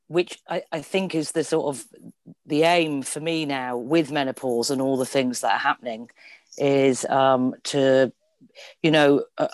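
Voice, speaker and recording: A woman's voice: deep voice, darkish tone, no room sound. A middle-aged woman from Devon, talking conversationally as a podcast guest. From Devon, England. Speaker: podcast guest, theatre performer. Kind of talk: conversational interview.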